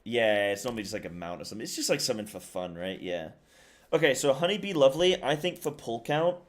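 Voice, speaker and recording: Talking to his stream audience, this man rambles casually, leans on slang, and says the same phrases again and again. He works as a live streamer and esports caster, and his mid-range voice moves quickly with plenty of lively inflection.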